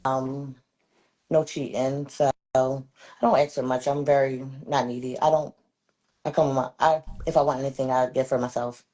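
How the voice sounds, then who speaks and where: A woman in her thirties answering a dating show host's questions, halting and hesitant, often pausing on an um. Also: extremely low pitch, fairly even intonation, warm tone. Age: 30s. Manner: hesitant, halting, many ums. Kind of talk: casual interview answers.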